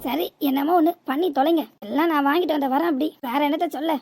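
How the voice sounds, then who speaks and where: A woman voicing a sharp-tongued, scolding middle-aged village woman in a cartoon serial. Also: sits high, quick pace. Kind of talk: Tamil cartoon serial voice acting. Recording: noisy recording with clicks.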